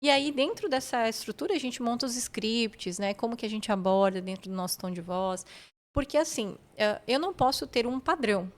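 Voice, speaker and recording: A woman with a slightly high, expressive voice talks at normal speed as a guest on a podcast. In an explanatory interview, she lays out customer service methods one step at a time, frequently adding "né?" to check in with the listener.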